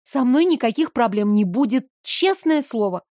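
A woman voicing a desperate young woman who pleads in a high, insistent voice. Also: animated, moderate pace, darkish tone, no echo, clean studio sound, natural voice. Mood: eager.

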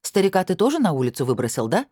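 A woman's voice: fairly low pitch, very animated, quick pace, dark tone, breathy edge, no room sound, studio quality, voice pushed up. A woman reading an audiobook voices its indignant first-person heroine, scolding and listing her demands in a raised voice. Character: sharp-tongued indignant woman bargaining hard.

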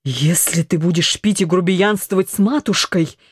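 A woman reading an audiobook, voicing a hot-tempered young noble daughter who speaks quickly and indignantly. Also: fairly low pitch, slightly rough, no echo, clean studio sound.

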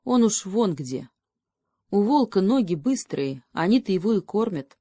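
A woman voicing an earnest, loyal young male beaver, quick to protest. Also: mid-range voice, sing-song, dark tone, dry recording, studio quality. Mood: reproachful.

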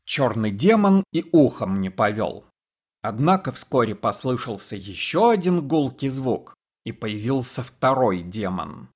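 A man reading a fantasy audiobook in steady scripted narration. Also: mid-range voice, breathy edge.

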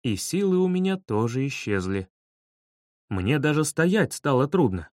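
A man narrating a humorous children's story in an expressive storytelling manner. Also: mid-range voice, unhurried, no echo, studio quality. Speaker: audiobook narrator.

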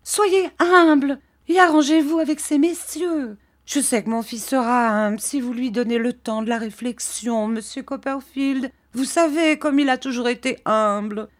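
A woman voicing an elderly, fawning mother who begs her son in a high, shrill, beseeching voice. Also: normal speed, hardly any pauses, natural voice. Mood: pleading.

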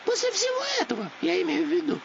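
A man doing a shrill frightened old maid. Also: huge pitch swings, quick pace, vocal fry, a loud crowd, heavily acted. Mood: eager. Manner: shrill pleading squeal. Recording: dull lo-fi audiobook with loud hiss.

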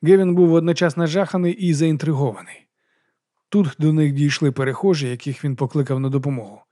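Brief: male narrator for an audiobook, somewhat high voice, steady, dry booth sound. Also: fairly quick, dry recording. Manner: steady storytelling delivery. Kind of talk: scripted narration.

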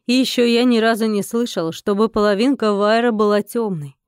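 A woman reading an audiobook and voicing a cold, commanding male mage lord who speaks in a calm, businesslike way. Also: a little high, a little fast, clean tone, no echo, studio quality, close to an everyday voice.

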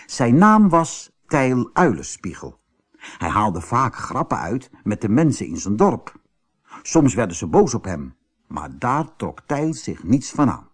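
A man from the Netherlands reading a storybook aloud in an expressive, unhurried way. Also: mid-range voice, husky. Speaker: storybook narrator. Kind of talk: scripted storybook narration.

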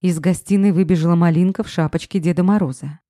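Low-voiced woman reading a story. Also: steady tone, fast, mellow, no room sound, studio quality. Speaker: narrator. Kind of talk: audiobook narration.

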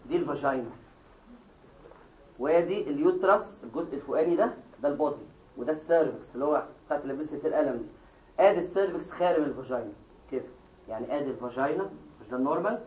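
A man with an Egyptian Arabic accent giving a classroom lecture, explaining step by step and quizzing his students with quick questions. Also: a little high, darkish tone, distant mic. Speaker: medical lecturer. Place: lecture hall. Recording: echoey hall, taped from afar.

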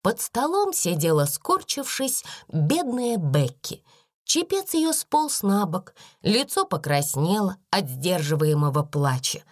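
A woman narrating a classic story aloud in an expressive storytelling manner. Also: on the low side, slow pace, no room sound, studio quality. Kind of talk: audiobook narration.

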